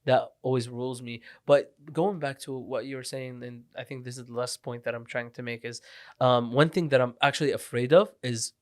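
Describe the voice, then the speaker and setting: A talkative man from the Middle East hosts a relaxed podcast conversation. He laughs easily and restarts his sentences often. His pitch sits in the middle of the male range. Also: brisk. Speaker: podcast host. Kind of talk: casual podcast chat.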